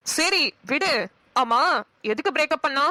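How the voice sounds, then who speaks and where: A woman's voice: high voice, lively intonation, a little slow, bright, forceful tone. A woman with a Namakkal Tamil accent voicing a bossy, scolding friend in a cartoon. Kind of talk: cartoon voice acting.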